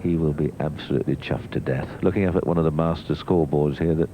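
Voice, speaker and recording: Guy doing golf commentary, really low voice, musing and colloquial, noisy old broadcast. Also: fairly even intonation, fast talker, dark tone.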